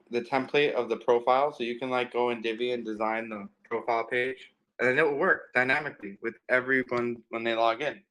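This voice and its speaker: A man's voice: mid-range voice, a bit bright, low-quality recording. A man teaching a casual screen-share tutorial in a loose, filler-heavy way, his audio cutting in and out over a bad connection. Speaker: workshop instructor. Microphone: open computer mic on a video call.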